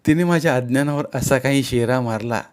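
A man reading a literary story aloud in a measured, unhurried narration. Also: medium pitch, smooth.

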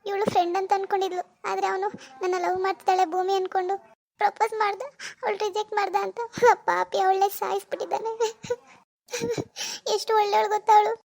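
A tender-hearted young wife in an animated village drama, pleading tearfully, as a woman voices her. Her voice is very high, rapid and flat in tune, with a gravelly rasp running through it. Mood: grieving.

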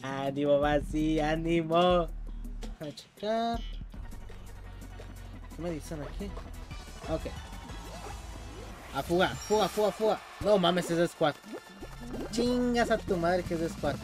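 A young man with a Mexican accent, streaming a game live and commenting in an excitable, swearing, casual way. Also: on the high side, takes it slowly, pauses often, over music. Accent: Mexican Spanish. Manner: excitable, swears a lot, yells when stuck.

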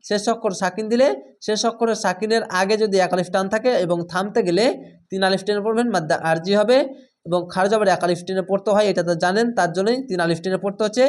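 A man teaching Quran reading. He draws out each Arabic word slowly and clearly, then explains the rules in quick, plain speech and repeats sounds patiently for his learners. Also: high-pitched. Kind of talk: Quran recitation lesson.

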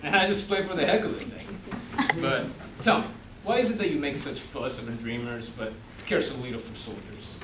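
A young man plays Death in an amateur stage play, a cunning, theatrical figure who mocks and gloats, laughing often with a wry, boastful, sardonic edge. His voice is a little high, at normal speed, close to everyday speech. A distant camera mic captures it on an echoey indoor theatre stage, and the recording is noisy.

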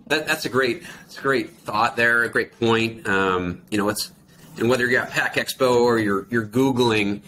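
Speaking at a normal speed with a medium pitch and a sharp tone, this forties-aged American account manager joins a video call as an industry guest. His talk is casual and explanatory, assembled thought by thought, and his computer mic in a small, plain office picks up clear background noise.

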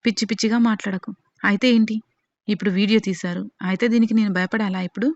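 A woman's voice: medium pitch, fairly even intonation, fast talker, a little mellow, no echo, lightly acted. A woman reading as a scornful middle-aged villain man. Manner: mocking, dismissive. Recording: dull, dry lo-fi voice recording.

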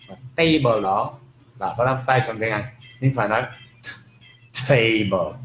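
Guy teaching english pronunciation, lively and repeats words slow, roomy echo. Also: medium pitch. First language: not Vietnamese. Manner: lively, repeats example words slowly and emphatically. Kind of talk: casual video lesson in Vietnamese with English examples. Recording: roomy with faint background noise.

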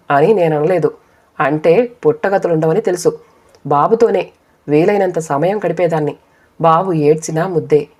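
A woman's voice: sits low, a little mellow, slightly rough. A woman reading a first-person family story aloud as an audiobook narrator, voicing the quoted relatives in her own voice.

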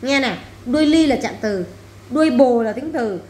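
A woman's voice: fairly high pitch, expressive, moderate pace, mellow. A woman English teacher runs a vocabulary drill in a classroom. She says each word, repeats it and then explains it plainly. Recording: echoey room, faint background noise.

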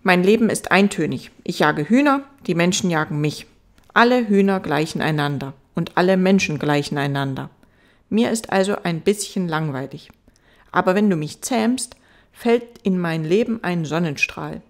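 A woman voicing a gentle, wise fox in an audiobook, earnest and patient as it explains. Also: lowish voice, animated, normal speed.

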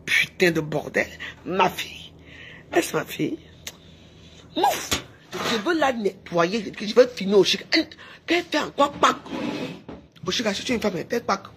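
A woman's voice: mid-range voice, big pitch swings, normal speed, slight background noise. A woman, delivering a heated, taunting rant to her camera, repeating her jabs. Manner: heated, taunting, repetitive shouting. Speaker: social media personality. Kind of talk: angry insulting rant to camera.

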